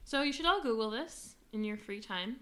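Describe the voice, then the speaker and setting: A woman co-hosting a podcast in casual chat, wry and quick to laugh. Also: fairly high pitch, expressive. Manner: wry, laughing, reads aloud with loud emphasis. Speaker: podcast co-host.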